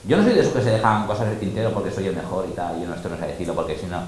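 A middle-aged man who works as a DJ and teacher addresses a group of students in a large school room, speaking casually, emphatically and boastfully while often acting out quotes. His voice is low and a little mellow, with lively intonation and a racing pace. The room is very echoey, with faint noise in the recording.

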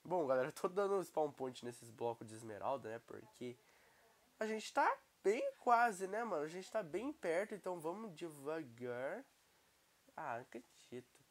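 A young man with a Brazilian Portuguese accent, commenting casually and excitably on his gameplay while he has a cold. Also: a little high, normal speed. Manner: excitable, exclaiming at the screen. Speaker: gaming YouTuber.

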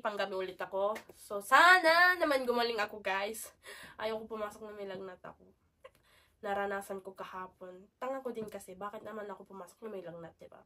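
A woman's voice: mid-range voice, sharp tone, recorded from a distance. A woman vlogger chatting casually to her viewers while sick with a cold and cough, often calling out to them. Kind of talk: casual chat to camera.

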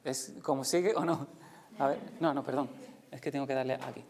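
A man with a Spain Spanish accent giving a live lecture to an audience, lively and demonstrative, jumping his voice up and down to show emotions. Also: fairly quick, gravelly. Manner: lively, demonstrates voices with big pitch jumps. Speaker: conference speaker. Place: lecture room.

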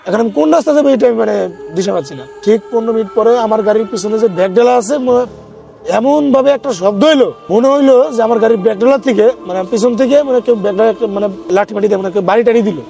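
A man's voice: high-pitched, rapid-fire, vocal fry, dark tone. A man, an ambulance driver, telling his own experience in a casual, rambling way, often restarting his sentences. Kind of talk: casual first-person storytelling. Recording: faint background music.

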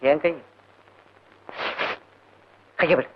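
A young actor playing a man who coaxes and soothes his crying sweetheart. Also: extremely slow. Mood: coaxing. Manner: pleading, coaxing, teasing. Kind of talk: 1980s film acting. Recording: dull old film soundtrack with music.

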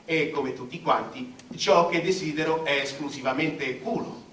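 A man's voice: fairly high pitch, normal speed, slight background noise, lightly acted. An actor playing a petulant, lustful, pompous king, declaiming in absurdist stage comedy. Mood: haughty complaining. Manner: pompous declamation, swinging into shouts. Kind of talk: absurdist comic stage theatre. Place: theatre stage with audience. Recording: echoey theatre, distant microphone.

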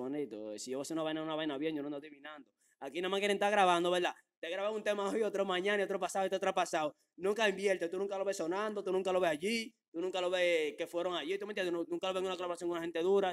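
A man's voice: high voice, very fast, smooth. A young man with a Dominican Spanish accent, giving a brash, slangy interview and repeating phrases for emphasis. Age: young adult. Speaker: interview guest. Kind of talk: casual street-slang interview. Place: small furnished room indoors. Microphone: handheld microphone held out by interviewer.

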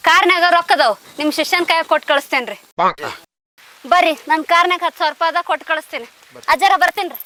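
A woman's voice: very high-pitched, quick pace, bright, forceful tone. A woman with a North Karnataka Kannada accent playing an abandoned wife, pleading in tearful dialect. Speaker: abandoned wife in a comedy skit. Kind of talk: scripted comedy sketch acting. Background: background music.

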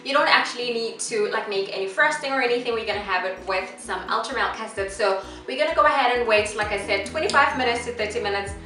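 A South African woman in her twenties, a cooking vlogger, presents a casual home cooking tutorial in her kitchen, chatting upbeat and laughing often while talking to her toddler. Her voice is fairly high and sharp, and she speaks fast with hardly any pauses. The camera sits on a tripod at a distance, so the sound is roomy, with music playing behind.

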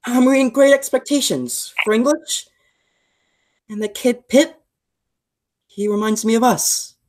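A woman's voice: on the high side, measured pace, darkish tone, lightly acted. A woman playing a sensitive, thoughtful teenage greaser boy in a school play, with an earnest, reflective delivery. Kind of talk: school play read remotely.

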